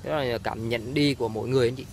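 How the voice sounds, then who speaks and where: A man giving an informal, halting sales walkaround of a used car, often repeating himself. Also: mid-range voice, steady tone, creaky. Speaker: used-car seller presenting a car. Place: outdoors on a street beside a car. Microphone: handheld camera, speaker behind it. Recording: outdoor ambient noise.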